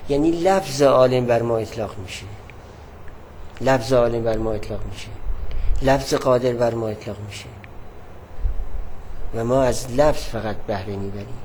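A man teaching a religious lesson, explaining at a measured pace and repeating his key points. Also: medium pitch, a little mellow, slight background noise.

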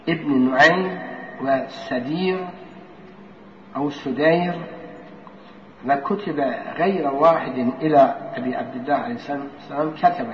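A man giving a religious lesson, reading old narrations and explaining them line by line in a steady, deliberate way. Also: fairly high pitch, slight background noise. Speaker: religious teacher. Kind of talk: hadith lesson. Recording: echoey room, dull lo-fi sound.

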